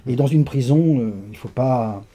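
Guy from france telling stories in an interview, real dark voice, kinda husky. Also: mid-range voice, moderate pace. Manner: animated storyteller, lively asides. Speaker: interview guest. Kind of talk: conversational interview.

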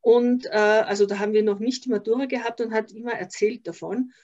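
Speaking briskly in a slightly high, steady, somewhat mellow voice, an older Austrian-accented woman is a guest in a conversational video-call interview. A social worker, she comes across reflective and hesitant, with lots of restarts, over slightly dull audio.

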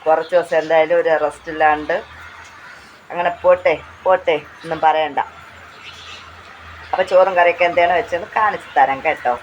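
Hoarse Kerala woman, casual cooking vlogger, phone-held mic, faint sizzle under. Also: low voice, steady tone, brisk, long pauses, slight background noise, low-quality recording. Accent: Kerala Malayalam. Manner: chatty, repeats phrases, tag questions. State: hoarse from talking. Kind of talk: casual chat while cooking. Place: home kitchen. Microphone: handheld phone. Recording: faint frying sounds behind.

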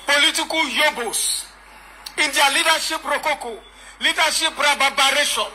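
An actor playing a pompous Nigerian professor in a comedy skit, ranting wildly and unhinged in absurdly grandiloquent language. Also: male voice, very high-pitched, pushed and bright, exaggerated voice. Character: pompous male professor spouting absurd bombastic big words. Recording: noisy replay off a screen.

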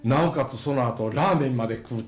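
A man with a Kansai accent, hosting and telling a story in casual chat, animated and often laughing at his own tale. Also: mid-range voice, fairly quick, soft background music. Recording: echoey room.

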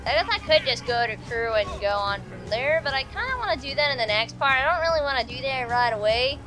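Over background music, a woman in a fast, high, animated voice chats to herself while playing a game for a let's play. She's giggly and rambling, and her allergies leave her slightly congested.

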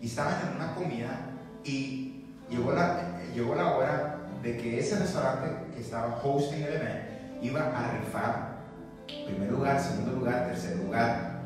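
A male pastor, preaching a sermon and telling stories in an animated way, mixing in English words. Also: medium pitch. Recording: echoey church hall, distant mic, music behind.

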